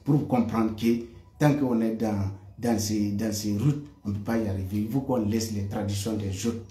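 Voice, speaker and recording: This online commentator from West Africa has a fairly low, mellow voice with fairly even intonation and normal speed, heard in a reverberant room. Addressing viewers, he delivers a heated, repetitive, impassioned monologue, often stumbling over repeated words.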